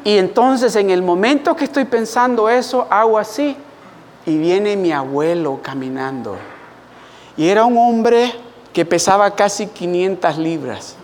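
A man preaching a sermon as pastor, an animated storyteller calling on the congregation to respond. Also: high-pitched, a little slow, long reverb tail, slight background noise.

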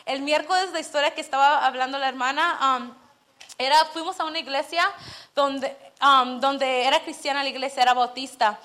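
A woman's voice: high-pitched, steady tone, moderate pace, bright, forceful tone. A woman telling an earnest, emotional personal testimony at a church service, acting out the dialogue as she tells it. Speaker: church member giving testimony.

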